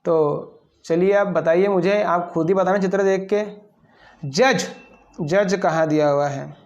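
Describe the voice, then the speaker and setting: A man's voice: high voice, a little slow. A male English teacher giving a class lesson. He poses each question and answers it himself, with playful asides between the words. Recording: dull lo-fi recording.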